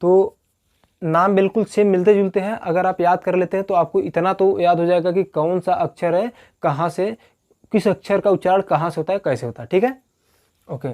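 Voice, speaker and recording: A man's voice: sits high, moderate pace, a little mellow. Man teaching a blackboard grammar lesson. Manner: repeats key points with frequent "theek hai" checks; asks the class questions and answers them himself.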